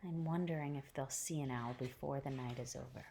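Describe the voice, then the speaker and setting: A woman teacher with a very deep voice reads a picture book expressively to children, pausing deliberately and hushing the ends of her phrases. There's a little hiss or hum in the recording.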